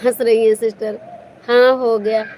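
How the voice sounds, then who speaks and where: A woman's voice: fairly high pitch, flat delivery, a little slow, a little mellow, slight background noise, rough recording. A woman hosting a casual live stream, chatting playfully with viewers and teasing them with laughter.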